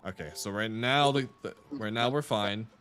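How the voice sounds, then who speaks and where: A man's voice: on the low side, moderate pace, fairly bright tone, smooth. A young man chatting casually while streaming a video game, rambling with restarts and laughs. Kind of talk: casual live-stream chat while gaming.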